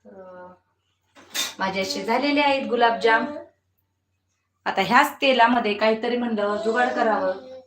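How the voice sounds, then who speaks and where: Mom vlogging from her kitchen, kinda high voice, chatting and fussing at her little kid, sounds far off from the mic. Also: measured pace, pauses often, a crowd in the background. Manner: chatty, coaxing and scolding a small child while cooking. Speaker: home cooking vlogger and mother. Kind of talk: casual cooking vlog chat. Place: home kitchen. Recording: echoey room, voice far from mic, noisy background.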